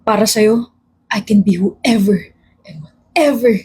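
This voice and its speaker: A woman's voice: on the high side, measured pace, a little mellow, husky. A woman playing a flirty teasing partner. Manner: teasing, sweet-talking.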